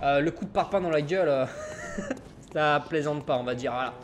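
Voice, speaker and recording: A young man in his twenties talks through a video game session in a loose, chatty way, cracking jokes and laughing often. His voice sits high for a man. A clear layer of background noise runs under his home mic recording. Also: normal speed. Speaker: let's play gamer. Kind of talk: casual gameplay commentary. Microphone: home streaming mic setup.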